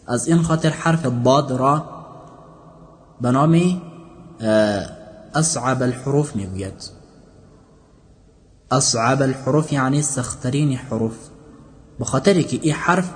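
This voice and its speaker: A male teacher leads a Quran pronunciation lesson. He drills short syllables slowly, over and over, with firm corrections. His mid-pitched voice rings with a long hall reverb. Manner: slow, repeats syllables in drills.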